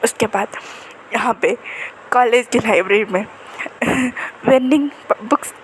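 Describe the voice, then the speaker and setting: High-voiced woman casually retelling a story. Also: unhurried, a little hiss or hum, poor audio. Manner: conversational, chatty narration.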